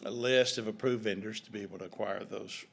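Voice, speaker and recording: A man, a district administrator, explaining agenda items at a board meeting in a measured, businesslike way. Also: lowish voice, fairly even intonation, creaky.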